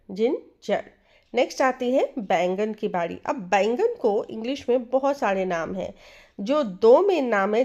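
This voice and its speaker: A woman with an Indian accent teaches vocabulary at an unhurried pace. Her voice sits a little high, and she drills each word by repeating it and asking the listener to say it back. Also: darkish tone, muffled recording. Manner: repeats each word slowly, asks quiz questions. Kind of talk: slow, drilled vocabulary lesson.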